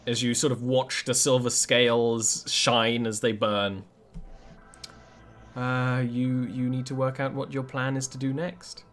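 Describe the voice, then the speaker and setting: Man, game master. Casual improvised tabletop narration, middling pitch, hesitant delivery. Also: little pitch movement, unhurried, a bit bright.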